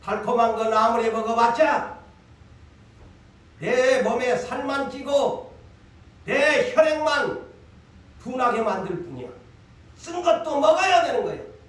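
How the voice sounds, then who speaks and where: A male pastor with a Gyeongsang accent preaches a Sunday sermon in a fairly high voice. He hammers his points home by repeating lines and firing rhetorical questions. The sound is heavily echoey, and he is picked up from a distance in a large sanctuary. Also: expressive, unhurried, pauses often, a bit bright. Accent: Gyeongsang Korean. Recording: echoey hall, voice from far off.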